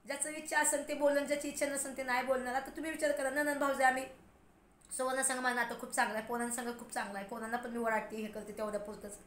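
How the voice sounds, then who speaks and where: A woman talks straight to her viewers in a casual, rambling home vlog, full of feeling. Her voice sits a little high. The room sounds echoey, with a faint hiss of noise behind her. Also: flat delivery, fast talker. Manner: emotional, rambling, addresses viewers directly. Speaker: vlogger. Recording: roomy echo, faint background noise.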